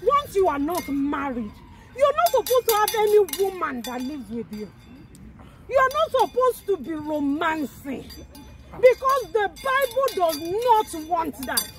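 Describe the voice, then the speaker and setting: A woman's voice: extremely high pitch, very animated, a little slow, heavily acted. A woman with a West African accent playing an earnest, instructing evangelist in a comedy drama. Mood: earnest, preaching. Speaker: actor in a comedy series.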